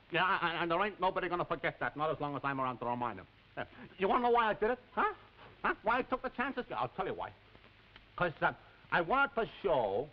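A cocky, crude young astronaut, played by a man with an American drawl, stammering and swaggering, his high voice leaping all over the place. The sound is dull and lo-fi, like an old 1950s TV broadcast. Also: close to an everyday voice. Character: brash crude young male astronaut, boastful lout. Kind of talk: 1950s television drama.

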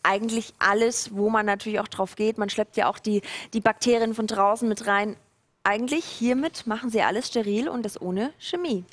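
A woman in her thirties co-presenting a teleshopping show in a studio, selling in an informal, conversational way. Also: on the high side. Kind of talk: chatty sales pitch. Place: TV studio set. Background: background music.

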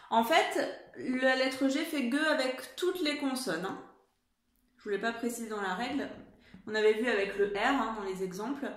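Slow, careful woman teacher, echoey room. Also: fairly high pitch. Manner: slow, careful, encouraging dictation. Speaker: primary school teacher. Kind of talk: home-schooling spelling lesson for children. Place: room at home.

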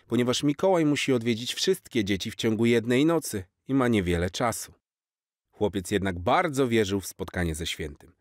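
A man narrating a children's story in a clear, expressive reading. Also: lowish voice, dry recording, clean studio sound.

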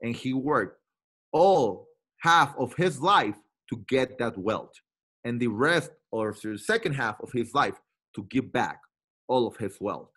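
A man giving a motivational training talk to a sales team. He is emphatic and repeats himself, swinging between loud bursts and quiet asides. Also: mid-range voice, expressive, unhurried, slightly rough. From Latin America.

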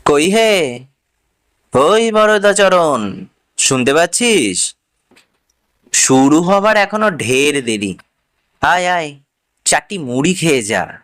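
A man's voice: a little high, big pitch swings, slow, pauses often, a bit bright, no echo, studio quality, exaggerated voice. A man doing a sly scheming schoolboy. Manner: sly and persuasive.

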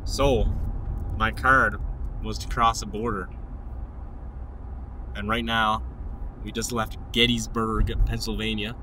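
A man's voice: on the low side, flat delivery, slow pace, pauses often, sharp tone, rough recording. A young man chatting casually to a dashboard camera from inside a car, easygoing and chuckling. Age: young adult. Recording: car noise behind.

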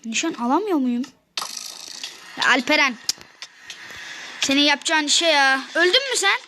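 A woman playing a video game with her son, giving quick orders and scolding. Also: high voice, animated. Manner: bossy, hurried, calls out orders. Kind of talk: casual gameplay chat. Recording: noisy home recording.

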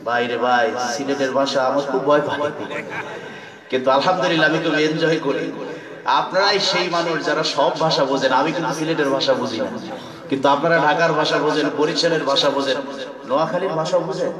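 A man's voice: on the high side, fast. A man preaching a humorous sermon at an outdoor religious gathering, telling jokey stories and repeatedly pressing the audience to answer him. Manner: jokey storytelling, keeps demanding answers from the audience. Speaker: Islamic preacher. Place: open-air religious gathering on a field. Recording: echoey, distant, with crowd behind. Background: large listening crowd.

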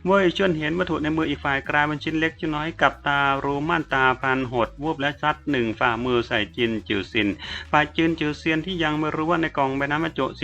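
A man narrating an audiobook novel in a steady, measured storytelling manner. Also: a little high, creaky, highs cut off. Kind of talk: scripted narration.

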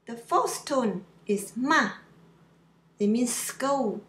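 A woman's voice: on the high side, expressive, takes it slowly, fairly bright tone, roomy sound. A woman teaching Mandarin pronunciation in simple, slightly broken English, drawing out each syllable and exaggerating the tones. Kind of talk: slow pronunciation lesson.

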